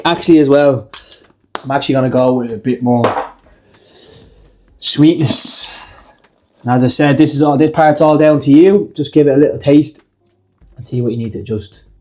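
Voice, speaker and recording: A young Irish man hosts a cooking video, narrating in a casual, blunt style with the odd swear. His voice is mid-range and mellow.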